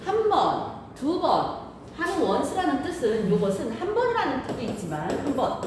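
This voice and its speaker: A woman teacher speaks through a face mask in a very echoey room with clear background noise. Her voice moves up and down in a lively way as she explains the lesson, posing questions and answering them herself. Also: high-pitched, moderate pace. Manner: didactic, often asking and answering her own questions. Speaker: English grammar teacher.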